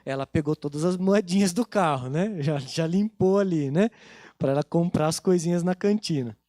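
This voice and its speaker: A Brazilian-accented male pastor with a rather high voice, preaching in a church. He tells his sermon like a casual story, recounting family conversations. The sound is close and dry, with little room echo. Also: moderate pace, mellow.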